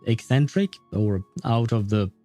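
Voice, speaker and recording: Over faint game music, a man who isn't a native English speaker chats with his livestream viewers while playing, polite and hesitant as he rambles. His voice is lowish and dark-toned, and he talks a little slowly.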